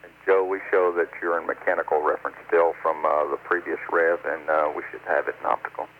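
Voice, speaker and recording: A man working as mission control radio operator, briskly reading out numbers and instructions over a crackly, noisy space radio link. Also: very deep voice, level tone. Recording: noisy tinny radio transmission.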